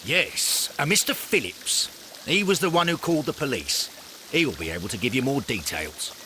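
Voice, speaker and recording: A blustering male police inspector in a Victorian detective game. His English-accented voice is forceful and swoops emphatically, easily flustered, with faint noise behind. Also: mid-range voice, sing-song, normal speed. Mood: brisk reporting. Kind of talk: video game cutscene acting.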